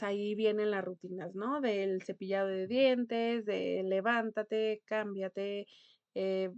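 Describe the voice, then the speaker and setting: A woman's voice: medium pitch, a little mellow, dry recording. Woman teacher running a casual lecture, explains with examples, checks in with the class often. Mid-range voice, dry room. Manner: conversational, explains with examples and rhetorical questions.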